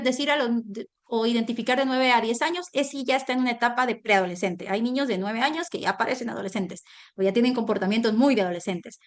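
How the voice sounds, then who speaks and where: A woman giving a parenting lecture, talking straight to the parents and checking in with them often. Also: a little high. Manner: animated, addresses parents directly with frequent check-ins. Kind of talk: online parenting talk.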